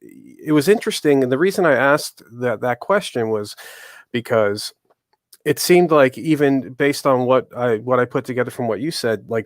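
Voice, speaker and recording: A male moderator with an average-pitched voice leads a casual interview. His questions run on, full of "uh" and "like." The recording is dry, with no room sound. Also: no echo. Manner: rambling questions with many fillers.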